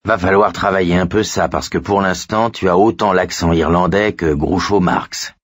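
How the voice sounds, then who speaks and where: Man doing a gruff, kindly old cop. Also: low voice, steady tone, normal speed, no echo, studio quality. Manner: gruff, fatherly.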